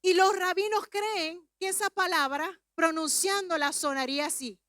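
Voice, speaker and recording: A woman preacher giving a Pentecostal sermon, teaching calmly, then rising to shouted fervor. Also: very high voice, normal speed, dry recording, clean studio sound.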